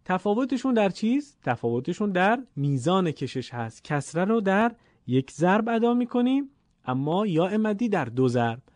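A man's voice: sits high, sing-song, a little mellow, no room sound. A man with a Persian accent teaching Quranic Arabic vowel lengths, patiently drawing out each sound in a classroom-style lesson. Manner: patient, repeats sounds slowly and deliberately.

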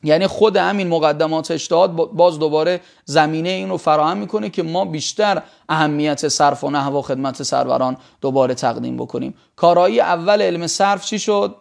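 High, gravelly male grammar teacher. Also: few pauses. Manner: quizzes students, spells out vowel sounds. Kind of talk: classroom lecture.

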